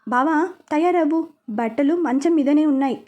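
A woman reading a gentle young wife. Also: high-pitched, moderate pace, natural voice. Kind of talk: storybook reading.

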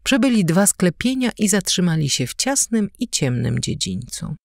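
Expressive woman reading an audiobook. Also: fairly low pitch, normal speed, gravelly, no room sound, studio quality. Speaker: audiobook narrator. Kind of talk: audiobook narration.

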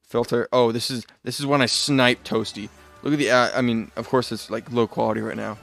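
A man's voice: medium pitch, fairly even intonation, brisk, vocal fry, fairly bright tone, faint music behind. A man streaming a video game live, chatting casually and rambling, often muttering asides and correcting himself. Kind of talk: casual live gameplay chat.

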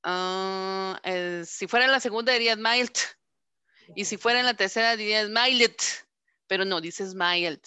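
A woman's voice: medium pitch, sharp tone, clear, resonant tone, dry recording. Woman teacher drilling English verbs patiently. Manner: patient, repeats words slowly to drill pronunciation. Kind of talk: online class teaching.

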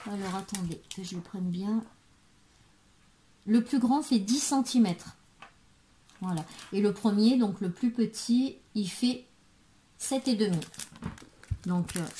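A woman presenting craft supplies in a casual video, hesitant and full of fillers, murmuring softly while she handles things. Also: medium pitch, a little hiss or hum. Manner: hesitant, many fillers and restarts. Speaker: craft vlogger. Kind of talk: casual product show-and-tell.

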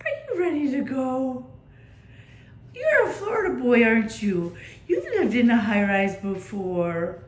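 A woman's voice: on the high side, big pitch swings, unhurried. A middle-aged woman giving a chatty, upbeat vlog tour and talking straight to her viewers. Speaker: vlogger. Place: apartment indoors, later a car. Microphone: phone at arm's length.

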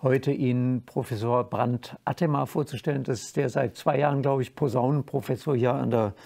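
An older man hosting a formal interview in a studio, speaking in a measured way with frequent fillers. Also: medium pitch, fairly even intonation, gravelly, warm tone. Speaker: host, interviewer. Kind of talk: moderated interview. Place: dark studio stage, indoors.

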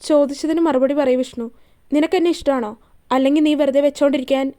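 A woman reading a story aloud, voicing a young woman teacher who talks gravely and earnestly. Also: high-pitched, steady tone, fast talker, dark tone, lightly acted.

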